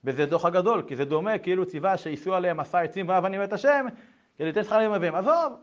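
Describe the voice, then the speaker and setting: A middle-aged man giving a lively Torah lesson, moving between reading old texts aloud and telling personal stories. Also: high voice. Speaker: Torah lecturer. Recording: dull lo-fi recording.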